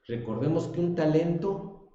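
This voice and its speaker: A man's voice: a little high, lively intonation, measured pace, mellow, a little hiss or hum. A man teaching a Sunday school Bible lesson, reading scripture aloud and asking the class questions. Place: church classroom. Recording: echoey, dull church room recording.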